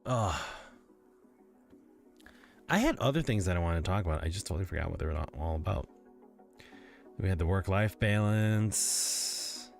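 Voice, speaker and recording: A man's voice: deep voice, animated, moderate pace, vocal fry, pauses often, faint music behind. A sleepy man chatting casually with viewers from his home gaming setup, rambling with lots of fillers. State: sleepy, yawning. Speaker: livestreamer.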